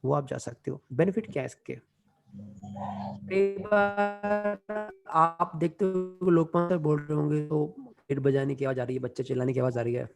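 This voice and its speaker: Gravelly-voiced man teaching an online class. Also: on the high side, a little mellow. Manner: explains casually, checks in often with "ठीक है?". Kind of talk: live online class demonstration. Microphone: USB studio mic and headset mic in turn. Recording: voice moves between mics, often from far off.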